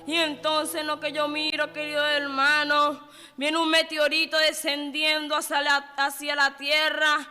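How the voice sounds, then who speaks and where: A woman's voice: sits high, completely flat delivery, a little slow, sharp tone. A woman giving an emotional religious testimony in church, repeating and calling her listeners dear brother. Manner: repetitive, keeps addressing listeners as dear brother. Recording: reverberant hall with faint music.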